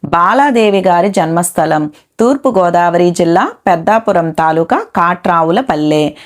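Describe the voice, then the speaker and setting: A woman teaching a Telugu lesson for exam preparation, reading out notes and word lists in a steady dictating manner. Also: fairly low pitch, normal speed. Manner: steady list-like dictation with "next" transitions.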